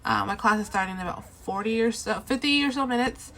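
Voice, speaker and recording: A young woman vlogging at home in a casual, rambling way, full of fillers and restarts, her voice still raspy from the morning. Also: on the high side, fast, fairly bright tone, slight background noise, rough recording. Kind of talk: casual vlog chat. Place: at home, indoors.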